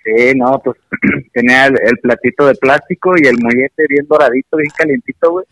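A young man with a Mexican accent comes through on a live phone call, relaxed and full of slang. His voice sits fairly low and sounds close and dry, with no room around it. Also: moderate pace, no room sound. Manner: laid-back and slangy. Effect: heard over a phone call. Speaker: friend called live on the phone. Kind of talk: casual chat.

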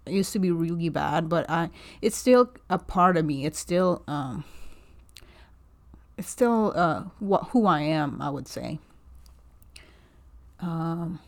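A woman in her thirties from Guatemala, talking alone in a casual podcast monologue, soft-spoken and hesitant, with many fillers and restarts. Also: fairly low pitch. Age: 30s. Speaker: podcast host.

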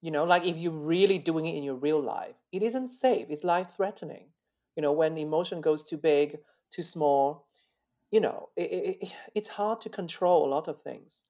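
In an interview, a guest opera singer from China talks thoughtfully and earnestly at a normal speed, his high male voice a little mellow. He often starts over and repeats words.

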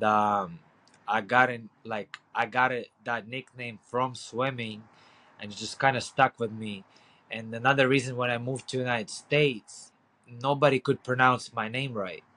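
A Ukrainian man in his thirties, a boxing coach appearing as a podcast guest, speaks English with a Ukrainian accent in a medium-pitched, bright, forceful voice. He rambles casually in this interview, with frequent fillers and profanity, and the audio quality is poor.

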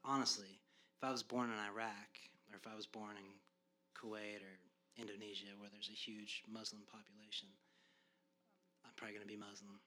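Speaking a little fast in a lowish, pushed and bright voice with little pitch movement, a podcast host talks earnestly. His casual conversation is loose and rambling, packed with fillers.

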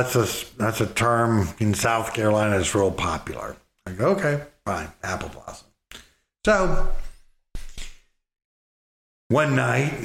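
Middle-aged man, low gravelly voice, slow folksy rambling storyteller, echoey room. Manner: folksy, rambling with repeated words. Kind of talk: casual storytelling.

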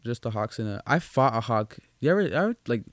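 A man's voice: medium pitch, expressive, fast talker, dry recording, studio quality. A young man hosting a casual podcast chat, telling stories in a rambling, profane way with lots of restarts and fillers. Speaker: podcast co-host.

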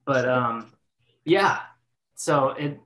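A young man in his late twenties chats loosely about his musical past on a podcast, taking his time. His voice is bright and unhurried, with plenty of ums, likes and false starts. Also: medium pitch, expressive. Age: 20s. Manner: rambling, full of fillers and restarts. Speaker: band singer. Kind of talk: casual podcast interview.

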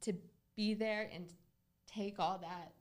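A woman's voice: mid-range voice, fairly even intonation, takes it slowly. A woman hosting a podcast, talking casually and earnestly as she tells a client story. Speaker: podcast host, real estate agent.

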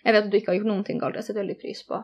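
A woman's voice: medium pitch, level tone, a little mellow. A young woman telling a personal story in conversation, earnest and candid, retelling each exchange in detail.

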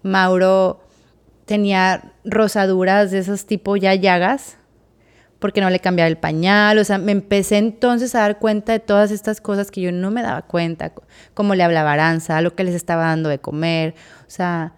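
A woman's voice: medium pitch, fairly even intonation, moderate pace, smooth. A woman with a Mexican accent, co-hosting a podcast and frankly telling a personal story in a reflective, candid way. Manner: frank, reflective, full of fillers like o sea. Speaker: podcast co-host.

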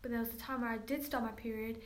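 A woman with a fairly high but flat, even voice, chatting as a guest. She talks loosely, stacking up fillers. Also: rapid-fire. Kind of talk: casual chat.

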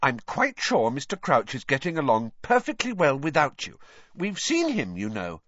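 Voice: mid-range voice, huge pitch swings, moderate pace, fairly bright tone, no echo, muffled recording, voice pushed up. A woman voicing an earnest, indignant but kindly girl in a storybook, with a firm, insistent, well-spoken manner.

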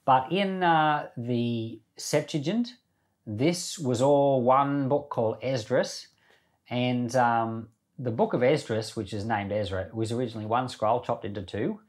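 Speaking a little slowly in a medium-pitched voice, the host of a Bible podcast reads passages of scripture expressively and with emphasis. Afterward he offers casual commentary on what he read.

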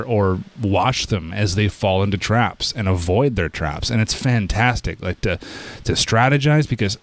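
The recording is dry, and the man's voice sits on the low side. Eager and excitable, he casually walks through how something works, often starting his sentences over and performing quoted reactions.

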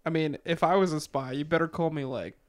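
A fairly high-pitched man co-hosting a relaxed podcast chat. He chimes in with brief, joking comebacks and quick questions. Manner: quick quips, playful interjections. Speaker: podcast co-host.

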